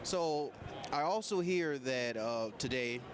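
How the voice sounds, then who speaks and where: A man's voice: mid-range voice, expressive, slow pace, a crowd in the background. Hesitant male interviewer. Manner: hesitant, many fillers. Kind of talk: casual interview questions.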